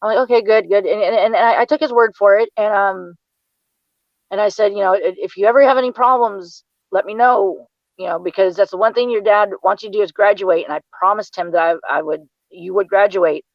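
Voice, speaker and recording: A woman with a mid-range voice speaks fairly quickly; the recording has no echo and the highs are cut off. She's a guest in an interview, the mother of its subject, recalling personal memories and often stumbling over and repeating her words.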